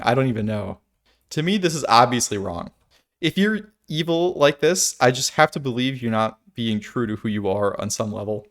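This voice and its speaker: A man giving a casual philosophical monologue, thinking aloud with restarts and asides. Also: medium pitch. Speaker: video creator.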